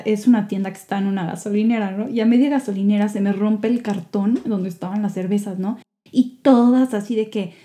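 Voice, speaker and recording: Brief: young woman, chatty vlog storyteller, very dark mellow tone, acts out quotes. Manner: animated, acts out quotes with rising pitch.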